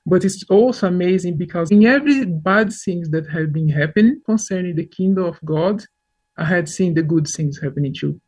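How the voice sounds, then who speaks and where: A woman interviewed for a news report, her voice disguised and pitched down to sound deep, speaking in an earnest, halting way. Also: darkish tone, husky, poor audio.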